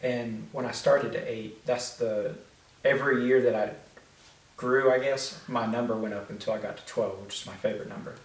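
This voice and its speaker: A young man co-hosting a vlog, chatting casually in a halting way with many restarts. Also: mid-range voice, fairly even intonation. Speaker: vlog co-host. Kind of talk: casual chat. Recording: echoey room, mic at a distance.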